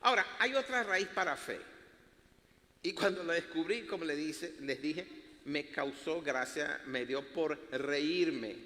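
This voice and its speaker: A man's voice: on the high side, a little slow, sharp tone. A man preaching a sermon as pastor, teaching in a playful way and laughing at himself. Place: church hall. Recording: echoey church hall.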